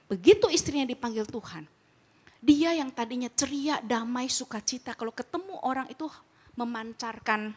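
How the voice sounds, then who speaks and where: A middle-aged woman giving a casual teaching talk on grief care, acting out quoted exchanges in lively, slangy speech. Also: a little high, moderate pace. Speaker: speaker at a church grief ministry training.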